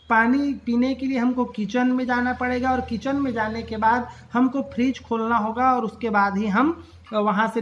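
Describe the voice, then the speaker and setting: Woman, fairly high voice, patient astrology teacher, step-by-step explanations, hesitant pauses. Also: slight background noise. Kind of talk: explanatory lecture on astrology basics.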